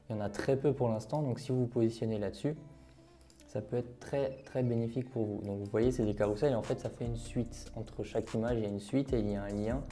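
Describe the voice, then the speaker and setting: A young man with a French accent walks viewers through a tutorial with a very dark, mellow tone. He keeps pausing on fillers and asks himself questions before he answers them. Faint music plays under his voice. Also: medium pitch. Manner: explains step by step with frequent fillers and rhetorical questions. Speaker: online marketing creator. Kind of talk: screen-share tutorial talk.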